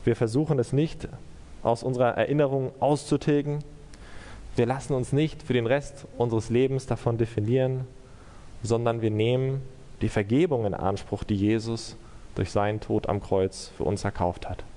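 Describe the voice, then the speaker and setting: A man preaching a sermon in German and then leading a prayer, earnest and measured, with rhetorical questions to the congregation. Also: mid-range voice, fairly even intonation, dark tone, big-room sound. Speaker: pastor.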